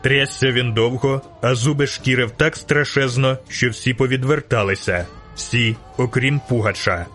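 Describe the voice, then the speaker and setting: A man reading a fantasy novel aloud as audiobook narrator, with measured, dramatic storytelling. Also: mid-range voice, a bit bright, faint music behind. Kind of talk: scripted narration.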